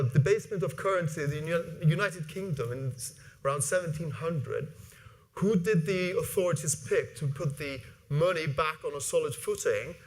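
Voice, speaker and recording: A man in his forties from Iceland, giving an animated conference talk from a stage, with many fillers and restarts. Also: a little high. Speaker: conference speaker. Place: large conference hall with audience. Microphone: lapel mic.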